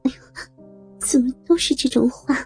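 A woman's voice: sits high, normal speed, darkish tone, breathy edge, soft background music, exaggerated voice. A woman voicing a shy, prim young married woman who answers with bashful, pouting protests.

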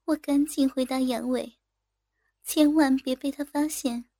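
Woman storyteller, high mellow voice, intimate unhurried reading, dry close recording. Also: fairly even intonation, no room sound. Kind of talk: first-person story reading.

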